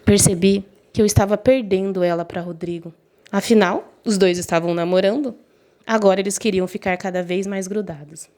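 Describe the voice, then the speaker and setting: A woman's voice: mid-range voice, fairly even intonation, normal speed, darkish tone. A young woman narrates her own story in the first person. She speaks with open emotion and feeling, and briefly takes on the voices of the other people she quotes. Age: young adult. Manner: emotional, voices quoted friends and mother lightly.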